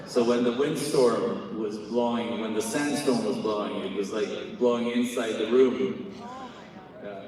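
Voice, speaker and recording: A man's voice: fairly low pitch, steady tone, measured pace, a little mellow, recorded from a distance. A man on a convention panel sharing set memories in a joking, apologetic way. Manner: joking, apologetic about his put-on accents. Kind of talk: casual panel anecdotes. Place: large convention hall. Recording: echoey hall recorded from afar.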